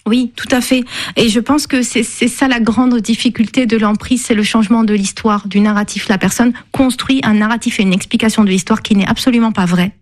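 A woman's voice: a little high, steady tone, fairly quick. A woman speaking as an expert guest in a radio interview, explaining carefully and rephrasing as she goes. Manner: careful, reformulates and builds in lists.

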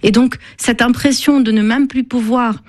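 A woman's voice: a little high, fairly even intonation, normal speed. A woman speaking as an expert guest in a radio interview, explaining carefully and rephrasing as she goes. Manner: careful, reformulates and builds in lists.

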